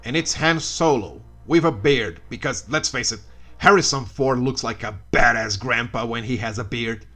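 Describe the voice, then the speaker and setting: A man's voice: mid-range voice, normal speed, pushed and bright, faint music behind. A man narrating a comedic retelling of a story with sarcastic asides and mock outbursts.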